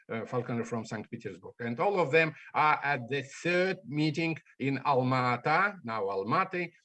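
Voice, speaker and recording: A man from Estonia, an ornithologist, giving a presentation over a video call in halting with many fillers. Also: mid-range voice, a bit bright. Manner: halting, non-native English with fillers. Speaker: guest speaker, ornithologist. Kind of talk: remote presentation talk.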